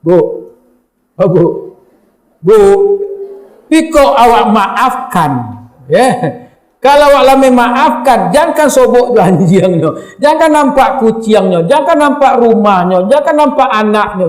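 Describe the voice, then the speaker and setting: A man with a Minangkabau accent preaching a sermon, speaking straight to the listeners in a lively way. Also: very high-pitched, echoey room. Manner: lively, addresses the audience directly.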